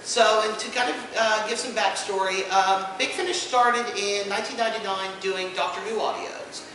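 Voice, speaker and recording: Steady in tone and sharp, his high voice moves at a normal speed as he runs a casual convention panel, explaining with dry wit. The man also co-hosts a podcast. Echo, a far-off mic and background noise mark the indoor room.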